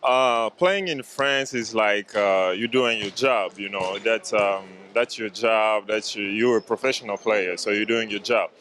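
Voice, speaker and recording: A man's voice: on the low side, a little slow, few pauses, fairly bright tone, slight background noise. A young man, a basketball player, answering interview questions in a hesitant way with many fillers.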